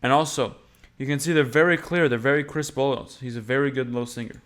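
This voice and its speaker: Voice teacher, male, mid-range pitch, casual rambling reaction commentary. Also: steady tone, a little fast, a bit bright. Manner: casual, rambling, frequent fillers.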